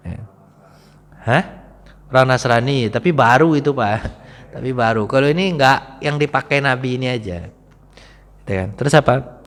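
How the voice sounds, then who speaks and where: A man giving a mosque study-circle sermon, chatting with the congregation, asking them questions and slowing down when he quotes the Prophet. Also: medium pitch. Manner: conversational, asks the congregation questions; slows down when quoting the Prophet. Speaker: preacher. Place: mosque hall. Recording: long hall reverb.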